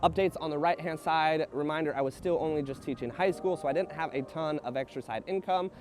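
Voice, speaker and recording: A man's voice: fairly high pitch, brisk. A man in his thirties telling his life story in an earnest, emphatic way, standing outdoors in front of a house. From Texas. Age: 30s. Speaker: real estate agent. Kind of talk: personal story vlog. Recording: music playing under the voice. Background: music.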